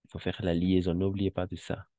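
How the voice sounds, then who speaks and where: In this classroom lesson, a deep-voiced man with a completely flat, dark delivery teaches French, patiently going slowly and repeating each word for drilling. No room sound is audible.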